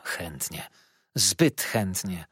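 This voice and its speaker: A man's voice: mid-range voice, very animated, a little slow, dry recording, clean studio sound. A man voicing a whiny, self-pitying older widow who complains through tears in a plaintive, sobbing manner.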